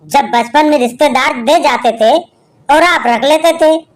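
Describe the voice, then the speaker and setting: A woman voicing a cheeky young son in read-aloud jokes, matter-of-fact and slow. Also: sits high.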